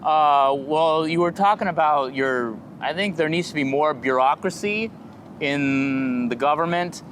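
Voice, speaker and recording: A young man hosting a casual comedy talk show, rambling with deadpan jokes. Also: on the high side, unhurried, slight background noise.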